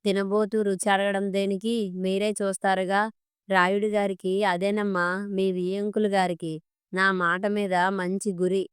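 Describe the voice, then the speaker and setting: A woman voicing a boastful middle-aged male marriage broker in a storybook reading, with flattering sales talk. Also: medium pitch, unhurried, clean tone, dry recording, studio quality, natural voice.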